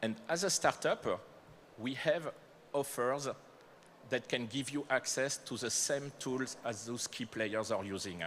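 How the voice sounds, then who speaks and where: A Frenchman with a French accent gives a conference presentation on startup programs in a conference hall, his mid-range voice unhurried and fairly bright. He is a corporate speaker who uses frequent fillers and corrects himself often, and a little hiss or hum runs under the recording.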